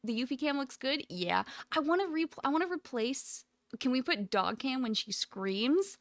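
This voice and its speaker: Higher-pitched, giggly woman livestreamer. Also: expressive, normal speed, no echo. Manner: giggly, frequently breaking into loud laughter; rambling, informal, affectionate. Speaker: live streamer. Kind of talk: casual livestream chat with viewers. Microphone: close USB microphone.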